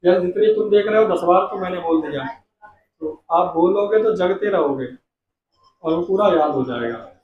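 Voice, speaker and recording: A male teacher explaining an English lesson in Hindi. He reads the English sentences aloud and loudly, then breaks them down word by word and keeps quizzing the class. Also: high voice, moderate pace, narrow, tinny audio. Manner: quizzes the class with repeated questions. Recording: roomy echo, far from the mic, noisy.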